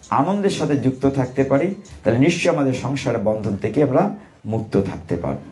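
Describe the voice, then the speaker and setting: Earnest higher-voiced male preacher. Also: darkish tone. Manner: earnest preaching, rising to emphatic peaks, Sanskrit verses recited slowly. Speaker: Gita preacher. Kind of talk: devotional Gita discourse.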